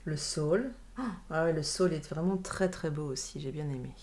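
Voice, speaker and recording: On a webcam livestream, a woman in her late thirties co-hosts a casual chat, reacting as viewer messages come in. She has a deep, darkish voice and talks at a normal speed.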